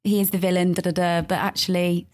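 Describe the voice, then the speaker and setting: A woman in casual podcast talk, expressive and quick to agree and react. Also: lowish voice, slight background noise. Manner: expressive, lots of agreeing murmurs. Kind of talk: casual film discussion.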